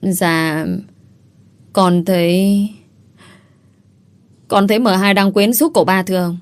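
A woman's voice: medium pitch, fairly even intonation, moderate pace, darkish tone, close to an everyday voice. A woman voicing a fearful young servant girl who answers her masters deferentially. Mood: timid. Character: timid young female servant.

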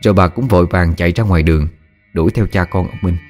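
A man calmly narrating a scripted ghost story. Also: low-pitched, fast, faint music behind.

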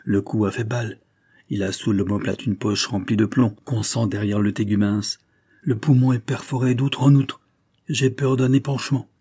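A man voicing a calm country surgeon who speaks in a clinical, grave way. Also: lowish voice, normal speed, slightly rough.

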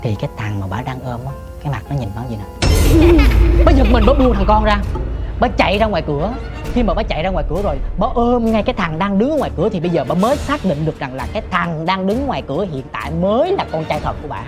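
A man telling a ghost story, dropping to hushed murmurs and jumping to sudden shouts, talking straight to his listeners. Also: fairly high pitch, big pitch swings, very fast, over music. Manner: addresses listeners directly.

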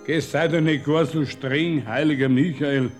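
An actor playing a soft-hearted, gossipy man of heaven in a radio play, exclaiming and pleading in a Bavarian accent. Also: fairly high pitch, fairly even intonation, a little slow, soft background music, lightly acted. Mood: sympathetic. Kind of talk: German dialect radio play.

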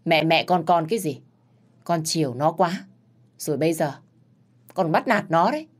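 A woman's voice: deep voice, expressive, moderate pace. A woman voicing a stern older mother who lectures and scolds her grown daughter. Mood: scolding.

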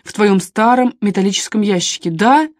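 A steady, inquisitive man from an audiobook, as a woman reader voices him. He asks his questions calmly and persistently, in a dry, close recording. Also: medium pitch, moderate pace, dry recording, close to an everyday voice. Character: calm questioning man, friend. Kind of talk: audiobook character reading.

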